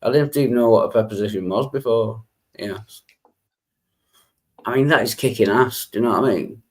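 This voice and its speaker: Mid-pitched man hosting a casual livestream. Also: moderate pace. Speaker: livestream host greeting chat members. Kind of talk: casual chat.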